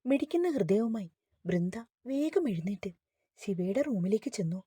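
A woman who authored the story, reading it aloud in a steady, expressive way. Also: mid-range voice, breathy edge, no room sound, studio quality. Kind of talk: reading a romance novel.

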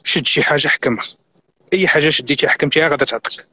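A man's voice: fairly high pitch, racing, pushed and bright. A middle-aged man from Morocco with a Moroccan accent, a guest on a live stream, giving earnest, insistent advice and mixing in French and English words.

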